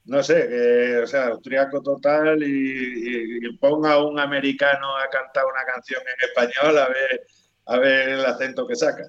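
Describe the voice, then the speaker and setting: A man's voice: medium pitch, normal speed, lo-fi sound. A man from El Bierzo in Spain with a Spanish accent, a rock guitarist telling stories as a guest in a casual interview, often restarting his sentences. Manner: animated storytelling, frequent restarts.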